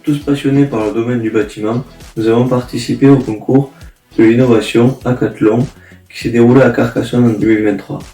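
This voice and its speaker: Mellow young man reading, echoey room. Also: medium pitch, steady tone, brisk, recorded from a distance, soft background music. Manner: formal, scripted. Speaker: student presenter. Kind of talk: read team introduction. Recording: roomy, off-mic.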